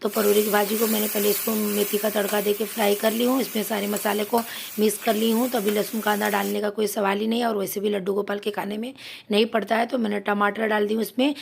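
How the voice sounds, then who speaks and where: Hoarse woman, gravelly fry, casual vlog voice-over, step-by-step homely explaining. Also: mid-range voice, flat delivery, fast, a little hiss or hum. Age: adult mother. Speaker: vlogger. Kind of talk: casual voice-over narration of a daily routine.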